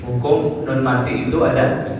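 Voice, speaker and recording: A man teaching a Quran recitation lesson, patient and slow, often checking in with his students. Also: medium pitch, steady tone, slight background noise. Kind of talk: tajwid lesson. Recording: echoey hall, mic far off.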